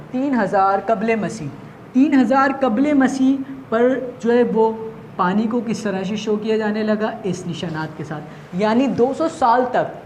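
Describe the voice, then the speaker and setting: A woman teacher from Pakistan with a Pakistani Urdu accent, giving a recorded lesson to children, asking questions and answering them herself. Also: medium pitch. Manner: asks questions and answers them herself, repeats key points. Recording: faint background noise.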